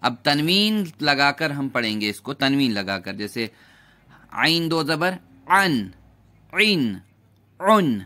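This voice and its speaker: A man teaching a recitation lesson, drawing out sounds slowly for students to repeat after him. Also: mid-range voice, lively intonation, sharp tone. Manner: patient, drawn-out demonstration of sounds.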